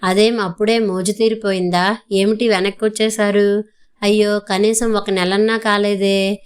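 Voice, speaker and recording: A woman's voice: medium pitch, little pitch movement, moderate pace, clear, resonant tone, close to an everyday voice. A woman doing a mocking wronged wife.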